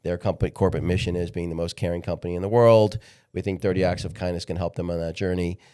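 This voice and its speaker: Candid sixty-year-old man, low smooth voice. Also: fairly even intonation, dark tone. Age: 60s. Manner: candid, halting, repeats words when restarting. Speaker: podcast guest. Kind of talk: casual conversational interview.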